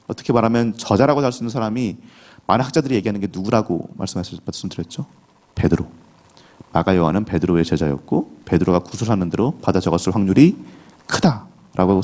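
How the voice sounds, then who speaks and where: A man's voice: fairly low pitch, darkish tone. A middle-aged male pastor preaching a conversational early-morning sermon, acting out the voices of the people in the story. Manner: conversational preaching with acted quotes of biblical figures. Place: church sanctuary.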